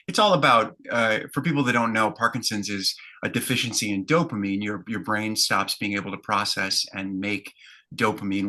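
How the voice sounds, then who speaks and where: Bright-voiced man in his fifties. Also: on the low side. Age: 50s. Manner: reflective, detailed, with many fillers. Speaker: interview guest, stage performer. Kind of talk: conversational storytelling.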